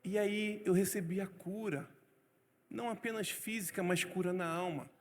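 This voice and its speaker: A man in his forties with a Brazilian accent, preaching a testimony sermon and telling his story with animated swings from loud outbursts to hushed asides. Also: high voice, normal speed. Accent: Brazilian Portuguese. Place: church hall. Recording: church hall reverb, faint music.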